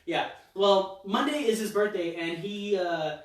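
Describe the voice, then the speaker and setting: A man's voice: sits high, a little slow. A man in his twenties, a podcast co-host telling a story in casual chat, acting out what others said. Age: 20s. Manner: animated storyteller, acts out quotes. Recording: echoey room, far from mic.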